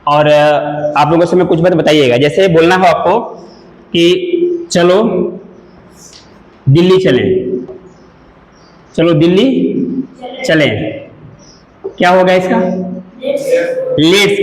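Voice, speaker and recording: A man teaching English in Hindi to a class, with a Hindi accent, loud and drilling, repeating questions to his students. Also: high voice, normal speed, pauses often, slight background noise. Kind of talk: classroom lesson. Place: echoey classroom. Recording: echoey classroom.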